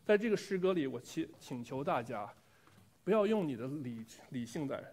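A man's voice: fairly high pitch, sing-song, normal speed, a little mellow. A man preaching a sermon, sharing a personal testimony in an earnest, reflective way and putting pleading questions to the congregation.

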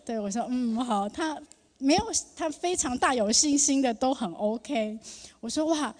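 A woman in her thirties giving a personal testimony to a church congregation, speaking earnestly with emotion and halting often with fillers. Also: fairly high pitch, animated, a little mellow. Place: church sanctuary. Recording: long reverb of a large hall.

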